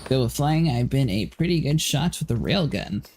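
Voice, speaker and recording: A man's voice: medium pitch, animated, moderate pace, a little mellow, slight background noise. A man hosting a livestream, chatting casually about a game, laughing often and filling his talk with "like". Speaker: livestream host. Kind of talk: casual gaming chat.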